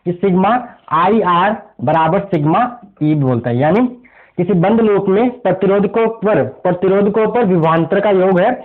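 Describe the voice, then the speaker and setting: At a normal speed, a man with a high voice leads a physics revision session for an exam, working at the board. Step by step he lays out the material, asking the class questions he then answers on his own. His sound is tinny and thin, as if heard over the phone.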